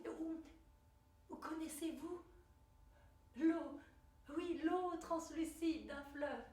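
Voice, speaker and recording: An actress playing a bewildered young girl who searches her lost memory, speaking in halting, repeated words and anguished exclamations in a theatre monologue. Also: high voice, fairly bright tone, exaggerated voice. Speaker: stage actress. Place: theatre stage. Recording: echoey stage recorded from far off.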